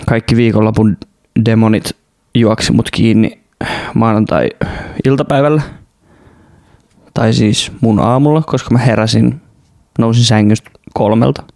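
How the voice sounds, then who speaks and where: A man's voice: fairly low pitch, fairly even intonation, creaky, darkish tone, no echo, studio quality. A young man, rambling and swearing a lot as he hosts a casual solo podcast. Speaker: podcast host. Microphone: studio mic close up.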